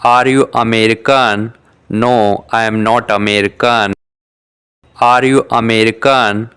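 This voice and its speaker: Reading short beginner dialogues for an English shadowing lesson, this man repeats each exchange twice with careful articulation and a measured delivery. His mid-range voice is clear, resonant and a bit bright, with fairly even intonation.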